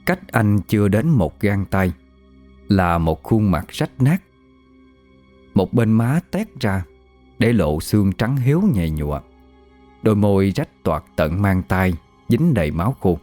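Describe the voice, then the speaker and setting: A man telling a horror story in a grave, measured narration. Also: lowish voice, sing-song, darkish tone. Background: faint music.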